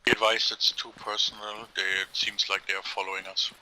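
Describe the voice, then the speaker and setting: A man's voice: on the low side, flat delivery, fairly quick, bright, forceful tone. A man giving clipped, procedural military reports, heard over in-game radio chatter. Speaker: squad member in a military sim game. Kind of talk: terse military radio callouts. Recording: noisy voice chat.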